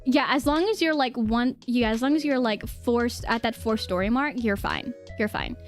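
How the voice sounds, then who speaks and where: A woman's voice: a little high, normal speed, faint music behind. A woman hosting a livestream, explaining things casually to viewers in an informal, giggly way and often repeating her phrases. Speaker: livestream host.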